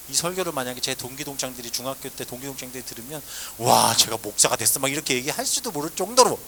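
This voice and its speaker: A male pastor, likely in his forties and from South Korea, telling his own testimony in a sermon, swinging between loud exclaiming and hushed asides. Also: on the high side, slight background noise.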